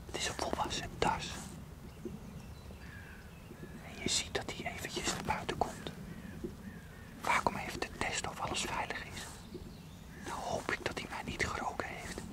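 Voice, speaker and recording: A man presenting as a nature expert, whispering in a hush at a forest edge at dusk while he watches wildlife. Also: normal speed.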